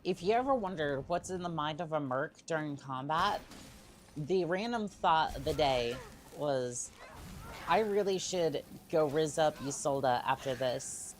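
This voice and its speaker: Low-voiced woman streaming games, slow and teasing. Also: lively intonation. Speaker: video game livestreamer. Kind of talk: casual chat over gameplay with in-character asides.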